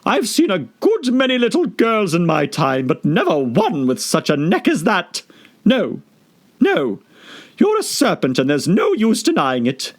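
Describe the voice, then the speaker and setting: A storybook pigeon, frantic and scolding, acted out by a man in a very high, shrill voice. The pitch swings dramatically through sobbing indignation and sulky contempt, like an overwrought mother bird at the end of her patience. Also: wildly swooping pitch, a little slow, exaggerated voice. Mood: deep contempt. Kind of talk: storybook character voice.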